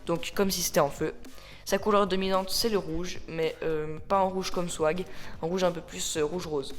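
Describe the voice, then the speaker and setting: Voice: mid-range voice, fairly even intonation, normal speed, soft background music. A toy reviewer talking casually into a phone camera at home, chatty and rambling, often correcting themselves and dropping English words into the talk. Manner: mixes English words into French. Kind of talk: casual unboxing-style review. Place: at home with a ring light.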